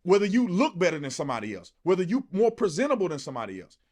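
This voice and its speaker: A political commentator speaks rapid-fire in a high-pitched, darkish voice with huge pitch swings. His monologue is impassioned and colloquial, emphatic and repetitive, with frequent rhetorical questions.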